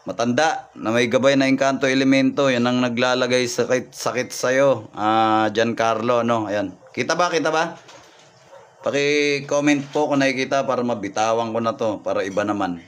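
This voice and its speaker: A man's voice: medium pitch, fairly even intonation, normal speed, clean tone, faint music behind. Man reading signs on a livestream. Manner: repetitive, thanks viewers by name, points things out. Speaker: folk healer livestreaming readings. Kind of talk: live-stream reading and viewer shout-outs.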